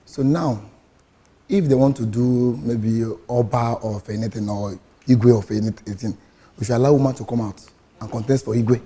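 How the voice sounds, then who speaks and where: A man's voice: medium pitch, moderate pace, warm tone, breathy edge. A man on a talk show panel, arguing his point stubbornly and repeating himself. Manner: stubborn, repetitive, argumentative.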